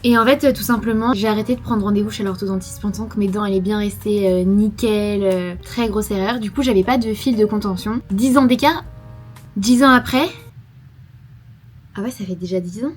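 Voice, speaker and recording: A woman's voice: mid-range voice, moderate pace, a little mellow, faint music behind. A woman in her twenties from France with a French accent and a slight lisp, chatting casually and emphatically in a self-deprecating, talkative vlog style. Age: 20s. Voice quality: slight lisp from dental aligners. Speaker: lifestyle vlogger.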